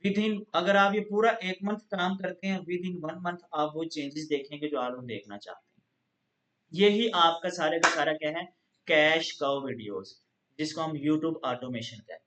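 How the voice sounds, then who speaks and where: A man with a rather high voice walks through a software tutorial one step at a time. He explains patiently and keeps coming back to the same filler phrase. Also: moderate pace, slight background noise. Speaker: instructor. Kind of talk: screen-recorded software tutorial.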